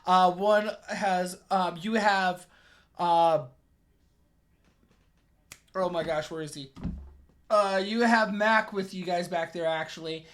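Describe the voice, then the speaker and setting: A man speaking informally as game master, narrating a tabletop game in a halting, excitable way. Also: high-pitched.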